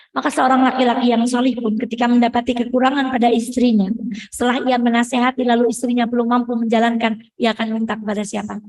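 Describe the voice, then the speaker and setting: A woman preacher giving a lively sermon to women, quizzing her audience and playfully acting out quoted prayers and dialogue. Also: a little high, poor audio.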